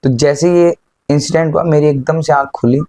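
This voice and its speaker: A man's voice: fairly high pitch, steady tone, moderate pace, warm tone, dry recording. A man earnestly telling of a personal experience in casual Hindi, mixing in English words. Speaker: devotee sharing a personal experience. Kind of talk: casual testimony.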